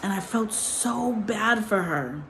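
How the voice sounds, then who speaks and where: Gravelly-voiced woman talking earnestly. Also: medium pitch, takes it slowly, slight background noise. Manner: earnest, animated storytelling with laughter. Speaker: channel host. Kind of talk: casual spoken reflection.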